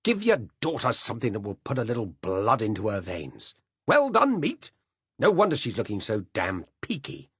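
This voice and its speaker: A man reading aloud voices a blunt, domineering older man who growls his opinions at the dinner table, gruff and commanding. His own voice is on the low side and slightly rough, with big pitch swings and moderate pace. The recording is studio quality and free of room sound, with the voice pushed up.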